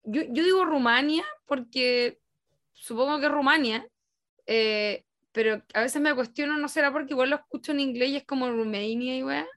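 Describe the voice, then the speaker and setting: A woman's voice: sits high, normal speed, a bit bright. A woman with a Chilean Spanish accent in a casual podcast chat, speaking in a reflective way that trails off.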